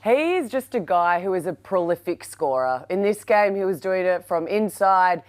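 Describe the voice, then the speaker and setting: A woman's voice: fairly low pitch, expressive, moderate pace. An Australian woman co-hosting a sports show as a player, giving chatty analysis of plays.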